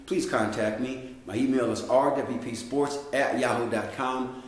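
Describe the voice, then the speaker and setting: A man's voice: mid-range voice, steady tone, measured pace. Man, middle-aged, folksy health coach talk, very echoey room. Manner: folksy, direct, addresses listeners as guys. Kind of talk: educational monologue.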